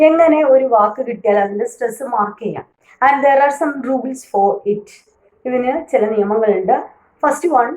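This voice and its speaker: A woman with a fairly high, mellow voice teaches a lesson. She reads each rule out slowly, then explains it patiently. The room around her rings with echo. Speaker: English teacher. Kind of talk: explanatory lesson, mixing two languages. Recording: echoey room.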